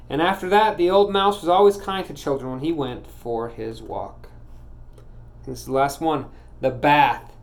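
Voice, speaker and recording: A man reads a children's storybook aloud at a steady, measured pace. His voice sits a little high for a man, and he slows down to land the end of each tale. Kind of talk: reading a children's book aloud.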